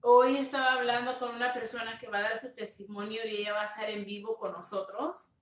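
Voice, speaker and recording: A woman pastor speaking slowly and tenderly on a livestream, sharing a testimony and greeting viewers, sometimes slipping in English words. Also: a little high, little pitch movement, reverberant, recorded from a distance. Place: home room, dim. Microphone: phone on a live stream.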